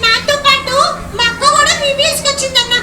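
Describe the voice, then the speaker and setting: Speaking quickly and with a steady tone, a puppeteer makes the cheeky boy puppet Andy chatter in a high, squeaky voice, teasing the children and calling everyone brother. The live kids' show is recorded from far away in an echoey hall, with a loud crowd and noise.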